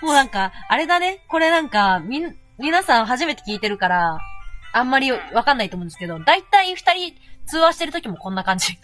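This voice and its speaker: A young woman co-hosting a casual radio chat, rambling quickly and laughing often. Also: high voice, sing-song, fairly bright tone, faint music behind. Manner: chatty, rapid rambling with frequent laughter. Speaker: co-host.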